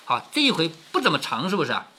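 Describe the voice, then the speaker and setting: A man's voice: a little high, wildly swooping pitch, quick pace, bright, forceful tone. A man reading a classic novel aloud and explaining it, often asking rhetorical questions. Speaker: storyteller reading to his daughter.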